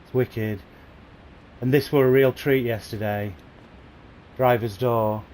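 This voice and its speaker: A man plays a bus game on a console at home and streams it, chatting keenly with viewers by name into his new gaming headset. He takes it slowly, his medium-pitched voice darkish and fairly even, against slight background noise.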